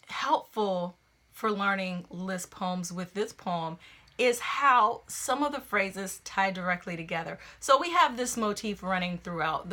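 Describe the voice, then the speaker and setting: A woman gives a relaxed, unscripted poetry lesson with a bright, clear edge to her voice. She talks in a lively way, jumping up in pitch when something excites her and restarting phrases as she thinks aloud. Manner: animated, conversational, with frequent restarts. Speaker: poetry teacher. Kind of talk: casual spoken lecture on poetry.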